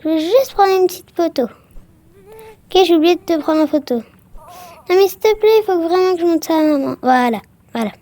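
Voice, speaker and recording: A woman's voice: very high voice, animated, moderate pace, long pauses, dark tone. A woman casually commenting on a game she plays for viewers, chatty and full of exclamations and filler words. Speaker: gaming vlogger.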